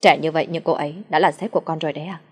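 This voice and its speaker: A woman with a low voice reading the lines of a young man who politely pleads with his parents. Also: fairly even intonation, rapid-fire, husky. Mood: pleading.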